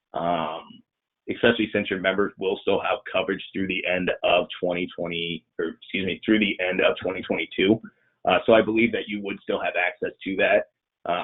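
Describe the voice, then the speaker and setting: In an informal online webinar, a man presents and takes questions in a conversational, rambling way. His voice is low-pitched, slightly rough, and nasal, congested from a cold, and the audio is muffled and band-limited.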